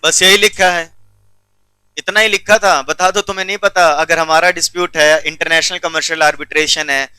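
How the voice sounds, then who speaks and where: Man, law teacher in a classroom, very bright voice, dry close sound, keeps checking the class. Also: fairly high pitch, clean tone, no echo, poor audio. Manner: keeps asking the class if they follow, stern and teasing.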